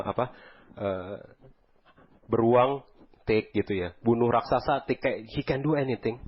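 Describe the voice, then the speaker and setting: A man with a somewhat low, husky voice preaches in a church, talking to the congregation in a loose, chatty way and slipping between Indonesian and English. The sound is muffled, as if taken from the PA. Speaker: pastor. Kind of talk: sermon. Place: church hall.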